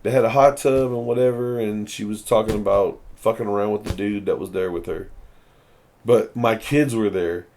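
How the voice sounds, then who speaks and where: A man's voice: lowish voice, fairly even intonation, moderate pace, a little mellow, slight background noise. Profane, rambling man. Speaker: podcast host. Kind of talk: casual podcast chat over beers.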